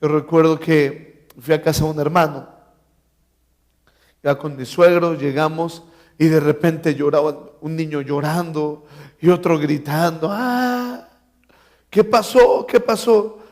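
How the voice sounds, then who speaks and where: A man's voice: on the high side, little pitch movement, unhurried, long pauses, darkish tone. A man preaching a sermon in a church, telling stories and acting out bits of dialogue with humor.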